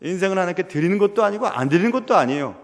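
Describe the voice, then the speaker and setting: A young man preaching a sermon as pastor, earnest and full of rhetorical questions, sometimes dropping to a hush. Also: high voice, expressive, rapid-fire. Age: young adult. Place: church sanctuary. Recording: long reverb of a church hall.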